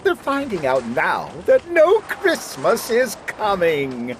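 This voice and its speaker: A man's voice: high-pitched, wildly swooping pitch, slow, background noise, pitched above the performer's own voice, exaggerated voice. A man voicing a sly, gloating monster from a storybook, slick and theatrically smug. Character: sly, gloating male green monster, the Grinch. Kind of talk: storybook character voice.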